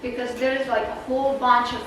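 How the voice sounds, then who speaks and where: A woman from the Czech Republic talks a little fast in a slightly high, steady, fairly bright voice with a Czech accent. She's giving a naturalist club an informal, rambling slide talk, chatty and peppered with fillers and laughs. Noise and echo fill the meeting room, and she's recorded from far away.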